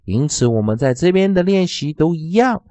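A man teaching English pronunciation in a scripted phonics lesson, explaining in Chinese and slowly repeating sounds in drills. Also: no echo. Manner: very lively pitch, drawn-out syllables.

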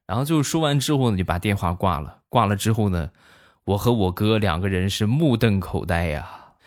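A man telling comic anecdotes in a chatty way, pausing for his punchlines. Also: lowish voice, expressive, a little mellow. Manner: chatty storytelling with punchline pauses. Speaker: comic storyteller.

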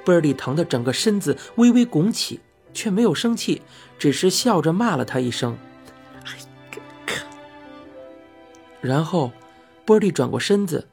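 A man narrating a novel as an audiobook in a soft, unhurried, intimate way. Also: a little high. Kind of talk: scripted narration.

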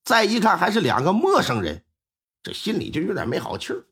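A male storyteller narrates in a folksy, lively manner. His voice sits high and husky. His pitch leaps around with great animation. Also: a little fast. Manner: colloquial, lively. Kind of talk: storytelling performance.

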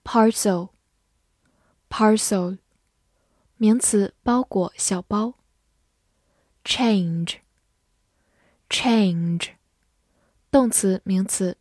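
A woman teaching a vocabulary lesson in an unhurried, deliberate way, spelling out each word with care. Her voice is mellow and dark, recorded close and dry with no room sound. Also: medium pitch, dry recording. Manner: slow, careful word-by-word reading. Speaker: English teacher.

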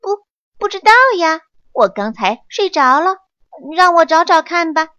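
Woman narrator doing a greedy, cowardly cartoonish monkey; squeaky, lively pleading, dull dry recording. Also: unhurried, no echo, exaggerated voice. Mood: fake innocence. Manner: high, excited, whining pleas. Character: greedy, sly little male monkey, easily scared.

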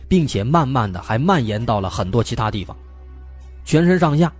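A man's voice: mid-range voice, sing-song, a little fast, slightly rough, no echo, faint music behind. A man hosting a mystery story show, telling it in a chatty, suspense-building way with lots of filler particles. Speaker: storyteller host. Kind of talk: casual spoken storytelling of an unsolved mystery.

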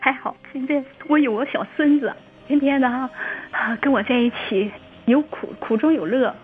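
A woman phones in to share a heartfelt story, becoming tearful as she talks in this emotional call-in conversation. Her high-pitched voice moves at a normal speed over a tinny telephone line.

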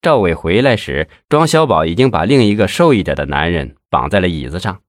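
Low-voiced man narrating a story. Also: lively intonation, brisk, no echo, studio quality. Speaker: audiobook narrator. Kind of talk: scripted narration.

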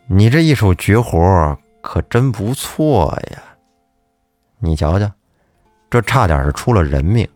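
A man's voice: low-pitched, a little mellow, no echo. A man voicing a stern older male landlord in a told folk tale, scolding and then giving earnest advice.

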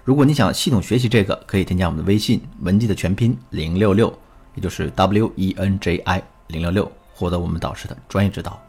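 A man as a relationship coach, giving a recorded lesson in an animated storytelling way. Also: deep voice, fast talker, breathy edge.

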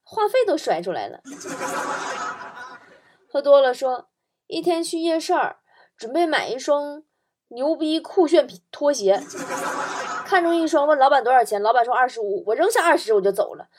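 A woman hosting a comedy talk show, reading out funny stories from listeners in a lively storytelling manner and laughing at her own jokes. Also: sits high, normal speed, pauses often.

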